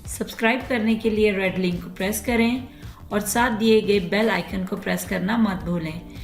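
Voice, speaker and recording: A woman speaks a channel intro in a gravelly, creaky voice. The room has a strong echo, and faint music plays behind her. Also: medium pitch, moderate pace. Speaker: channel host.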